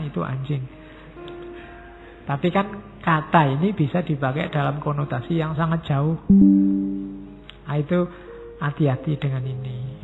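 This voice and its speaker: A middle-aged man giving a relaxed, conversational philosophy lecture and acting out sample messages. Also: on the high side, vocal fry. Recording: thin phone-like sound in a reverberant hall.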